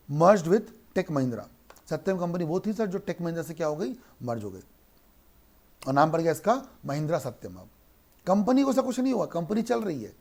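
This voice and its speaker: A man teaching a law class in Hindi mixed with English, who keeps asking questions and answering them himself, and slows down to read English lines aloud. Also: sits high, gravelly, a little mellow. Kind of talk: online lecture.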